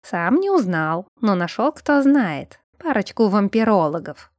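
A woman's voice: mid-range voice, sing-song, a little slow, a little mellow, dry recording. A cheeky hyena-man who mocks his friend over the phone, read by a woman narrator. His lines come out teasing and sly. The recording is close and dry.

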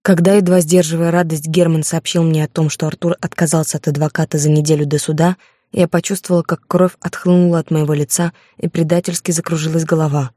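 A woman's voice: deep voice, little pitch movement, quick pace, mellow, dry recording, clean studio sound. A woman narrating a first-person audiobook with a dramatic, emotional reading.

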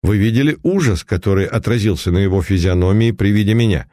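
A man voicing an excitable, frightened baron in an audiobook reading. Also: lowish voice, dry recording, clean studio sound, close to an everyday voice. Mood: agitated. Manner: agitated, quick and fearful.

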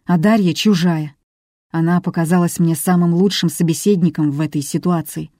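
Here is a distraught grown son who confesses in a hesitant, apologetic way, read by a woman. The voice sits low and dark. It is recorded dry and close, like a studio audiobook. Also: fairly even intonation, moderate pace, no room sound, natural voice. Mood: crushed, confiding.

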